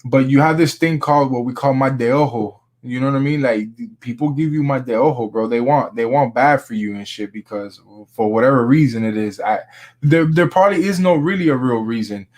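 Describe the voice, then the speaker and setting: Brisk and a little mellow, this mid-range man's voice belongs to a Miami, Florida sneaker vlogger. The talk is casual, relaxed and full of slang, with "bro" coming up often.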